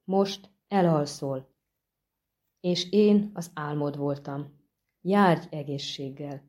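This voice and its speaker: A mysterious healer-sorceress, hushed and tender yet quietly commanding, as a woman reads her in an audiobook. The voice is low for a woman, warm and mellow. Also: lightly acted. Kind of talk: audiobook reading.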